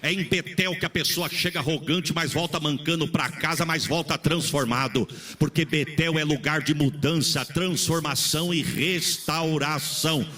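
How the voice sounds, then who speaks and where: A man's voice: a little high, steady tone, moderate pace, pushed and bright. A middle-aged man, a pastor from Brazil, preaching a folksy sermon full of acted-out dialogue and humor.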